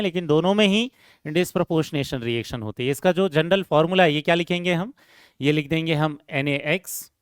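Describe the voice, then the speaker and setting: A man's voice: a little high, clean tone, no room sound, clean studio sound. A man teaching a chemistry lecture step by step, asking rhetorical questions and addressing students fondly. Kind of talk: classroom lecture.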